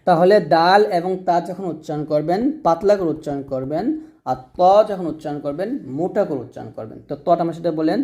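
Mellow-voiced man teaching recitation. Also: a little high, fast. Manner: patient, repetitive drilling with call-and-repeat prompts. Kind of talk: instructional lesson on Arabic letter pronunciation.

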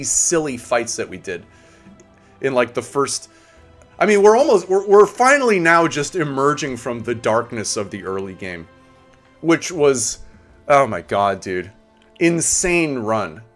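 A man streaming a game, chatting casually with viewers, laid-back, swearing and laughing often. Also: medium pitch. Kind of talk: casual live-stream chat.

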